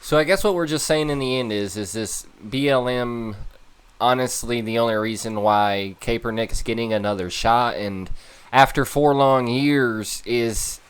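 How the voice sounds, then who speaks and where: A man's voice: medium pitch, smooth. A man co-hosting a podcast, chatting casually and opinionatedly about football, firing off questions. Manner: opinionated, asks many questions. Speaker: podcast co-host. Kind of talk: casual chat.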